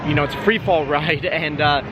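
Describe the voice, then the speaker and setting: Male vlogger, casual, slightly high voice, shot outdoors with very loud ambient noise. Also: a little fast. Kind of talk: casual chat to camera. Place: outdoors in a theme park.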